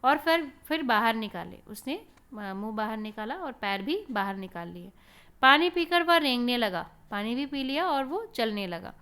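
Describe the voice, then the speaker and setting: A woman tells a story for children in a smooth, clear voice set a little high. She talks like a teacher, pausing to explain words and to point the listener to the pictures. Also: lively intonation, sharp tone.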